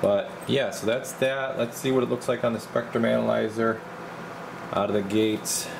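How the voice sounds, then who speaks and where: Working at an indoor electronics repair bench, a man who fixes radios mutters casually through a hands-on demonstration, thinking aloud in informal steps. His gravelly mid-range voice is flat and moves at normal speed, with background noise behind it.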